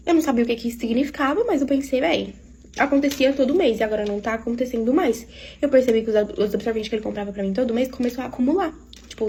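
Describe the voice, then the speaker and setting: A woman's voice: high-pitched, dark tone, slight background noise. A woman with a Minas Gerais accent telling her own story to her audience in a casual, confiding way and often speaking to the listeners directly. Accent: Minas Gerais Portuguese.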